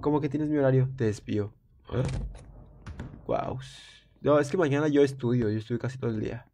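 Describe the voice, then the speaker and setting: A young man, stuffy with a cold, excitedly commenting on a live game and chatting with viewers. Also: mid-range voice, a little fast, slight background noise. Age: young adult. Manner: rambling, excitable, talks to viewers while playing. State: congested with a cold. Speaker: streamer. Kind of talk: live gameplay commentary reading chat.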